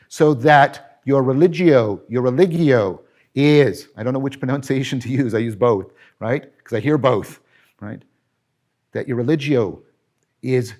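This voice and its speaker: Speaking with a mid-range voice, a middle-aged man lectures on philosophy. His emphatic, animated delivery includes frequent self-corrections and rhetorical questions.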